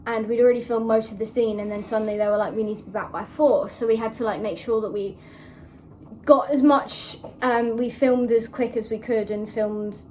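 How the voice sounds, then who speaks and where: A woman's voice: on the high side, steady tone, moderate pace, darkish tone, distant mic, slight background noise, low-quality recording. A young woman co-hosting a vlog, chatting casually and reflectively about finishing a student shoot, with plenty of fillers. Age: young adult. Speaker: student filmmaker and vlog co-host. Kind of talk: casual chat.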